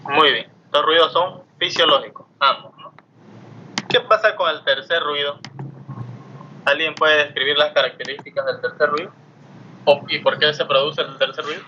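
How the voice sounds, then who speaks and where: A man's voice: on the high side, fairly even intonation, normal speed, bright, forceful tone. A man lecturing a class, explaining step by step and often asking his students questions. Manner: explanatory, asks students questions, frequent tag "¿no?". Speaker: teacher. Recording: muffled lo-fi mic with faint noise.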